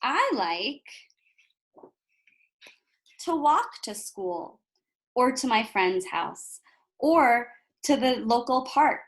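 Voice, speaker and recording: This woman's fairly high voice moves very slowly, with frequent pauses, as she reads a picture book aloud to young children like a teacher. She's animated and instructive, dropping in explanations and rhetorical questions for her young audience.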